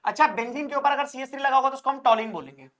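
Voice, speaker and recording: A man's voice: very high-pitched, fast talker, fairly bright tone. A male chemistry teacher giving an exam-prep lecture, asking questions and answering them himself, calling his students brother, and using jokey wordplay to make things stick. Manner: calls students brother and child; jokey memory tricks with wordplay.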